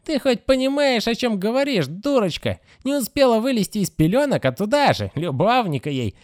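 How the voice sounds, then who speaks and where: A man voicing a scornful female caretaker, high and scolding. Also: sing-song, moderate pace, dry recording, studio quality. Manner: scolding, contemptuous. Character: sharp-tongued middle-aged female caretaker, scornful.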